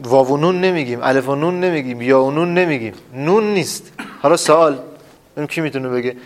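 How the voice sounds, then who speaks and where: A male teacher with a slightly raised pitch runs a classroom lesson. He quizzes the room over and over, repeating key terms with emphasis. Students are present, and he often answers his own questions. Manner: emphatic, drills terms aloud.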